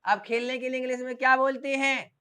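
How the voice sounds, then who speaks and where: English teacher guy, clean smooth voice, keeps asking the class the same thing over and over. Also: very high-pitched, fairly even intonation, fast talker, pushed and bright. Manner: drills by asking and repeating questions. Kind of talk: classroom grammar lesson.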